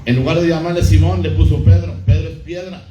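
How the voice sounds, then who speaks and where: A middle-aged man preaches a sermon in a warm, dark voice. He stresses his key phrases by repeating them and quizzes the congregation. The recording is muffled and echoey, with faint room noise behind him. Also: fairly high pitch, steady tone, a little fast, faint music behind. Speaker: pastor. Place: church hall.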